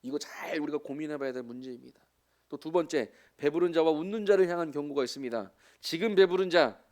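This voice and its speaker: This high-pitched man in his forties, who speaks with a Jeolla Korean accent, is a missionary delivering a sermon. He sprinkles in chatty, joking asides to the congregation.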